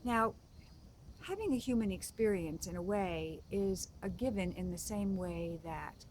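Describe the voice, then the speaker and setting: A woman spiritual coach giving a reflective talk, gently repeating key phrases for emphasis. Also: on the low side, a little hiss or hum.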